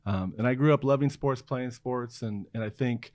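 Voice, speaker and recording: A middle-aged Oregon-raised design executive, guesting on a podcast in a small studio, tells stories in an easygoing way, chuckling through his answers in casual interview chat. His mid-range, darkish voice moves at normal speed with no echo, picked up by a boom-arm studio mic with headphones.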